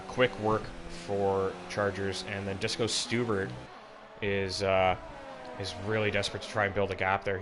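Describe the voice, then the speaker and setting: Low-voiced man calling a motor race. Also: noisy background. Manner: motorsport commentator calling the action, casual phrasing. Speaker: motorsport commentator. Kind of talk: live sim racing commentary.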